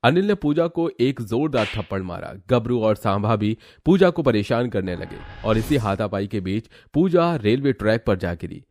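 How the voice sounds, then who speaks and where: A man narrates a cartoon story in a steady, dramatic way. His voice sits fairly low, with faint noise behind it. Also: moderate pace, hardly any pauses.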